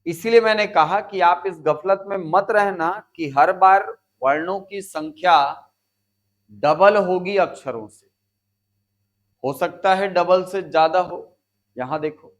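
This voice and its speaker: A man from India teaches a class at an unhurried pace, his voice sitting slightly high. He breaks each word into its parts and counts them aloud, prodding students with brief questions and prompts. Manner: slow, deliberate spelling out and counting aloud; coaxes students with short prompts. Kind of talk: classroom lecture.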